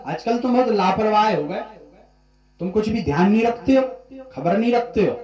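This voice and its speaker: A man's voice: sits high, expressive, normal speed, darkish tone, lo-fi sound. A man preaching, voicing a stern but loving elderly male guru who scolds and comforts his disciple. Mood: scolding. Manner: scolding, then fatherly. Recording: echoey hall.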